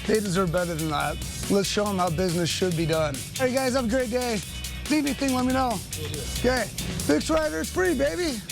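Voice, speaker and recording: A man's voice: sits high, expressive, brisk, vocal fry, music in the background. A man playing an upbeat company boss rallying a crew in an acted commercial.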